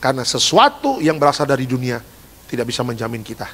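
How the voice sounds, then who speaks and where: A man preaching a lively, joking sermon, swinging between hushed asides and loud exhortation. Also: mid-range voice, fast talker. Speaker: pastor. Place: large church hall. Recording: reverberant church hall.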